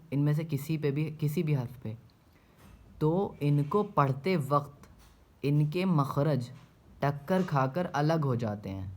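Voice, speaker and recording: A male Quran reading teacher with a fairly high voice, working through a step-by-step recitation lesson. He stretches out each letter deliberately and repeats short syllables again and again so learners can follow. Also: darkish tone. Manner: drills single syllables, repeating each several times; drawn-out, deliberate pronunciation of letters.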